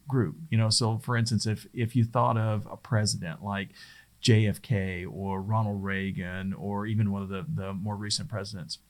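A man's voice: lowish voice, a little mellow. A middle-aged man teaching presentation skills in a casual, conversational way, often restarting his sentences. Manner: conversational, loose and rambling, often restarts phrases. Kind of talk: casual spoken lesson.

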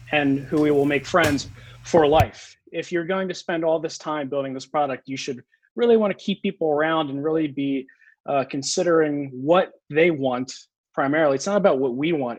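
A man speaking as the founder of a company in a casual interview, earnest, slowing down on key words. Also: on the high side, poor audio.

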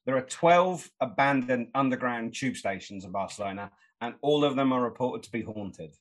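A man's voice: mid-range voice, expressive, normal speed, poor audio. A man co-hosting a podcast, sharing trivia in a joking, self-deprecating way. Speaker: podcast co-host. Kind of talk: casual podcast chat.

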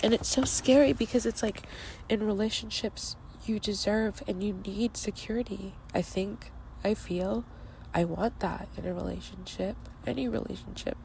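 A young woman talking openly and earnestly, her voice often dipping into a gravelly fry. She muses aloud with plenty of "like"s, sometimes softening almost to a whisper, while a faint vehicle rumble hums underneath. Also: normal speed. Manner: earnest, reflective, with frequent "like" fillers and soft, near-whispered passages. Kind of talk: candid personal monologue.

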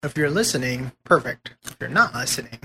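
A man's voice: mid-range voice, lively intonation, a little fast, pushed and bright, slight background noise. Easygoing male podcast co-host. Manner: easygoing, laughs often, rambling wrap-up. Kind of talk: casual podcast chat.

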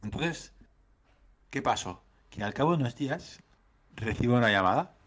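A man's voice: medium pitch, normal speed. Indignant man telling a story. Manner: animated, indignant, repeats words. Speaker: podcast guest telling a story. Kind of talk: casual storytelling chat.

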